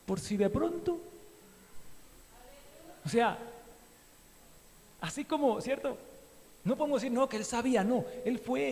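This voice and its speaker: A male pastor with a notably high voice preaches fervently to his congregation, his delivery rising to loud peaks and falling back to quiet asides. The sound hangs in a long, reverberant church hall. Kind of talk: sermon.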